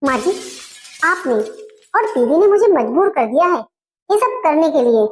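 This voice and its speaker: A woman's voice: high voice, big pitch swings, moderate pace, darkish tone. A woman playing a defiant young wife. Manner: firm, indignant, scolding. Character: outspoken young wife standing up to in-laws. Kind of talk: comedy skit acting.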